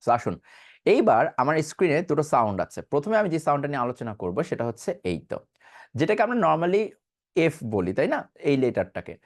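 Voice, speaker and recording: Guy teaching pronunciation online, talks fast, slightly high voice, keeps asking and answering himself. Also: big pitch swings. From Bangladesh. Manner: explanatory, asks and answers own questions, demonstrates sounds. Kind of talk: online class lecture.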